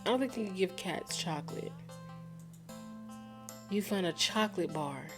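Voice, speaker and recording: A woman's voice: on the low side, animated, normal speed, over music. A woman streamer playing a game, reading its text aloud and reacting in a casual, slangy, incredulous way. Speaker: gaming streamer.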